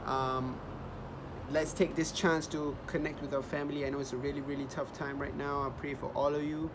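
A young man performing live from his bedroom, singing melodic verses and rapping fast bars into a phone or webcam. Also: fairly high pitch, flat delivery, noisy background. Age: young adult. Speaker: singer and rapper. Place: small bedroom at home. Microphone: webcam or phone facing him. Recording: roomy home recording over loud music. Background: guitar and backing music.

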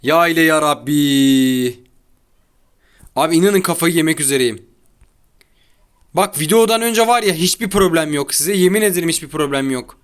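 On his gaming channel, a young man with a highish, animated voice talks a little fast over his gameplay, often exasperated and complaining in slangy chatter. He's recording at home in a room near an open window, where a child can be heard outside.

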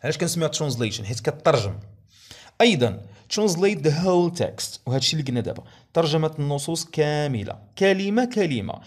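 A young man with a Moroccan Arabic accent lectures on language teaching methods, reading English headings slowly before explaining them in Darija. His voice is mid-range with a darkish tone.

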